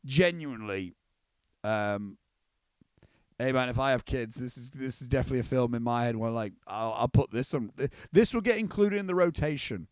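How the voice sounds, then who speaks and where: A man's voice: mid-range voice, lively intonation, normal speed, smooth, dry recording. A young man giving a casual, earnest film review, rambling with many restarts. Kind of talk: casual spoken movie review.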